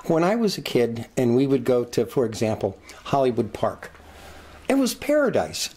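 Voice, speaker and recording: A man's voice: mid-range voice, big pitch swings, moderate pace, a little mellow, a little hiss or hum. A man in his sixties from California, fondly telling stories of his childhood in a documentary interview. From Glendale, California. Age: 60s.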